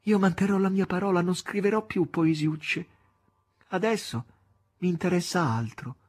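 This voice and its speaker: A man reading an audiobook, voicing an earnest, agitated young male poet in a raised, pleading voice. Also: normal speed. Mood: eager. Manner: excited, pleading, rising to high pitch.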